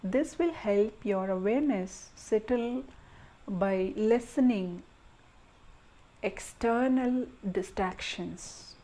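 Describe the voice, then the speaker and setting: Guiding a meditation, a woman speaks softly and soothingly in a warm, mellow tone at a middle pitch for a woman. She goes very slowly, placing short phrases with pauses between them. The audio quality is poor.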